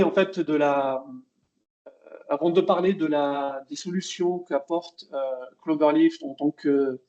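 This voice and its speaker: A man's voice: on the high side, warm tone. A man giving a technical webinar presentation, hesitant, with many fillers and restarts. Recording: dull lo-fi webinar audio.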